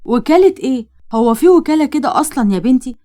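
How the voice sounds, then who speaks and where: A level-headed young woman friend in an Egyptian storybook, read by a woman narrator. She gives worried, caring advice at a brisk clip. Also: sits high, lively intonation, dark tone. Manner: worried, advising.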